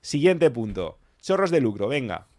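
A man's voice: medium pitch, very animated, moderate pace, a little mellow, dry recording. A man from Spain with a Valencian accent, hosting a casual podcast chat in a blunt, emphatic manner, swearing freely. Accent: Valencian Spanish. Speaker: podcast host.

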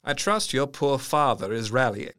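A man's voice: mid-range voice, lively intonation, fairly bright tone, close to an everyday voice. A man playing Doctor Seward, earnest young doctor. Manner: measured, earnest reading. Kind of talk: radio drama, reading letters and diary entries.

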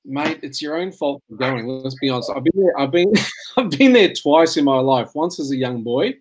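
A man's voice: medium pitch, animated, normal speed, poor audio. A tired middle-aged Australian man in casual chat, rambling through anecdotes and laughing at his own jokes.

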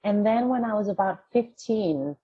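A middle-aged Danish singer appears as a podcast guest in a casual phone interview, her mid-range voice lively in intonation and normal in speed. She laughs often between phrases, and the phone line sounds dull and lo-fi with a faint hiss.

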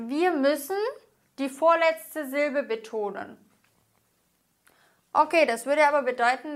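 Slow-speaking woman teaching Spanish grammar. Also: high-pitched, fairly bright tone. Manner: patient, stressing example words slowly. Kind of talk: explaining grammar rules to camera.

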